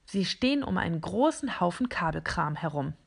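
A woman narrating a first-person children's story in a calm, deliberate way. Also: fairly low pitch, gravelly, husky.

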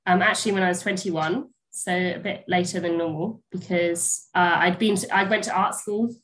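A woman from near Bristol, England, a pasture science lecturer appearing as a guest, answers interview questions casually and hesitantly, with many ums and restarts, sounding a bit snuffly from a cold. Her voice is on the low side, fairly bright in tone, with fairly even intonation and a moderate pace. The audio is poor, with slight background noise.

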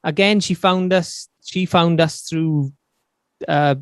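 A man's voice: on the high side, fairly even intonation, takes it slowly, clean tone, no echo. A man with a Swansea Welsh accent chatting informally and matily as a musician guest on a podcast. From Swansea, Wales. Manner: matey, informal, peppered with "you know". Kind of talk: casual interview chat.

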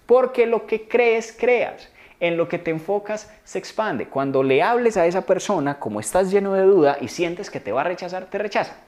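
A man's voice: high voice, expressive, a little fast, hardly any pauses, darkish tone. A man giving an earnest motivational self-help talk to camera, coaching viewers and repeating key phrases for emphasis. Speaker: motivational video maker.

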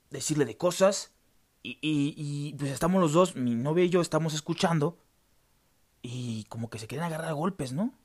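Young Mexican guy, fairly high voice, lively slangy storyteller who acts out every voice. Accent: Mexican Spanish. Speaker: vlogger. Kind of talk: casual storytelling.

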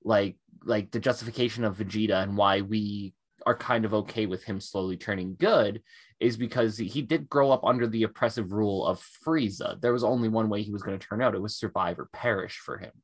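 A man's voice: fairly low pitch, brisk. Rambling enthusiastic man podcaster. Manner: rambling, many fillers; enthusiastic, self-deprecating. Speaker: podcast co-host. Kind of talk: casual chat.

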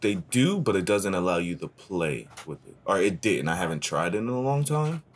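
A man's voice: low-pitched, big pitch swings, normal speed. A man in a casual gaming chat who hedges a lot and swears freely.

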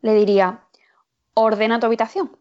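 High-voiced woman answering lesson questions. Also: little pitch movement, brisk, mellow, dull audio. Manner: reads example phrases aloud. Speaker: student.

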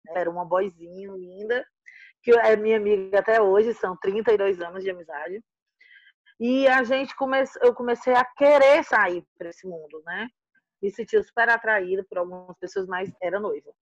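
A woman in her fifties with a Ceará accent, telling her life story in a casual interview, animated and acting out the voices of the people she quotes. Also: mid-range voice, no room sound, lo-fi sound. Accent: Northeastern Brazilian, from Ceará. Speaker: interviewee, mother and activist.

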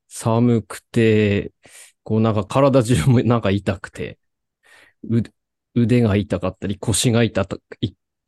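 A man co-hosts a podcast in casual conversation. His voice is low and dark, with a mellow tone. The recording is dry and close. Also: dry recording. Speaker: podcast co-host, car mechanic. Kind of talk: casual chat.

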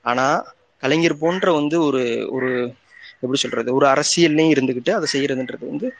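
A man's voice: mid-range voice, a little fast, slight background noise. A man speaking in an online audio discussion, explaining in an earnest way and often restarting and repeating his phrases. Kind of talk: casual political talk.

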